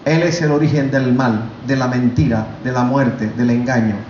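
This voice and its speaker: A man preaching a sermon, fervent, his voice climbing high when he voices God. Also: fairly even intonation, normal speed, reverberant, highs cut off, a little hiss or hum. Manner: preaching, rising to loud fervent pitch when voicing God. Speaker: pastor. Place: church.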